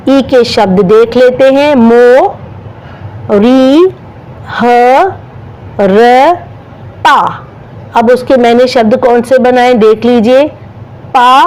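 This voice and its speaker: Female teacher, fairly high voice, slow deliberate syllable-by-syllable delivery for young students. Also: a little mellow, low-quality recording. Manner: spells out syllables slowly, addressing children directly. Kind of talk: slow step-by-step lesson for children.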